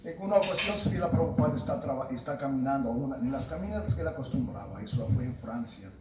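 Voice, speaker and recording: A man from Peru with a Peruvian Spanish accent, giving a spiritual talk and telling stories about his teachers. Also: fast talker. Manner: storytelling, quoting his teachers, animated rises in pitch. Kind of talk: sermon. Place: talk in a room in Lima. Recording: roomy, distant mic, noisy background.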